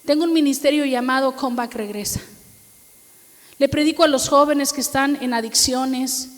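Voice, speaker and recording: High-voiced Mexican woman pastor preaching. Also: moderate pace, big-room sound. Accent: Mexican Spanish. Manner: storytelling, acts out dialogue, asks audience for amen. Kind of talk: sermon.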